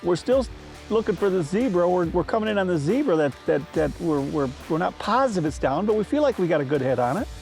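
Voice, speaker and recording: A man's voice: high voice, big pitch swings, fast talker, creaky, darkish tone, soft background music. A man hosting a hunting show, enthusiastic and often repeating words as he recounts the hunt. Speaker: hunter and show host. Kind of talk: casual hunting show talk.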